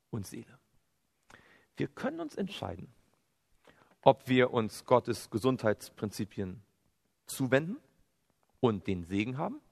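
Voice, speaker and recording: In a gravelly, medium-pitched voice, this man delivers a lively sermon full of scripture quotations. He keeps posing rhetorical questions and supplying his own answers, all heard through the long reverb of a hall.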